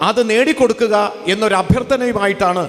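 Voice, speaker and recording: A man's voice: sits high, fast, long reverb tail. A man interpreting a campaign speech for a crowd in a formal, declamatory way with repeated phrasing.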